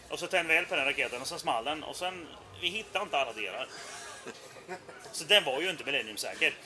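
A man's voice: fairly high pitch, sharp tone. A man in his thirties telling a rambling, profane, self-mocking anecdote in casual chat. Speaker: podcast storyteller.

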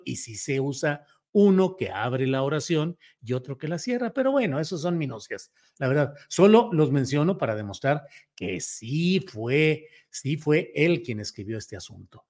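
A man's voice: a little high, a little mellow. A man giving solo political commentary, picking apart a text with sardonic corrections. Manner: sardonic, corrects spelling point by point.

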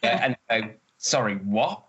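A man's voice: medium pitch, moderate pace, fairly bright tone, dull audio, slight background noise. A man who is an actor, talking in a casual interview and telling stories with lots of restarts. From northern England. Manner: chatty, rambling with restarts. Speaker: actor, guest.

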